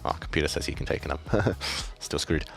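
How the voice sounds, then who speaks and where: Low-voiced self-mocking man streaming chess. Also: fairly quick, gravelly, soft background music. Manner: self-deprecating, chatty, reads chat questions aloud. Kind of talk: casual live-stream commentary.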